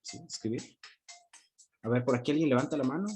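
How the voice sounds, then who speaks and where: Joking teacher lecturing online. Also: male voice, medium pitch, fairly quick, a little mellow, soft background music. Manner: joking, asks questions and answers them himself. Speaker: university economics teacher.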